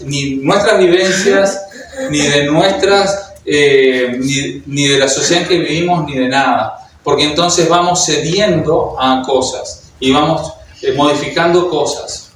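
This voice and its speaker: A man's voice: a little high, fairly even intonation, measured pace, slight background noise. Uruguayan man preaching in an echoey hall. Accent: Uruguayan Spanish. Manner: hesitant, many fillers and restarts, speaks directly to the congregation. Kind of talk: sermon. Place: church hall. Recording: very echoey hall, heard from a distance.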